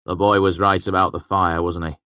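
A man's voice: sits low, little pitch movement, brisk, clear, resonant tone, no room sound. A man reading an audiobook, voicing an irritable, skeptical male scribe who talks sharply. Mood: uneasy. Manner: sharp, incredulous.

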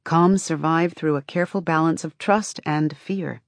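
A woman's voice: low voice, steady tone, moderate pace, no echo, clean studio sound. A woman reading scripted fiction as an audiobook narrator, with dramatic delivery.

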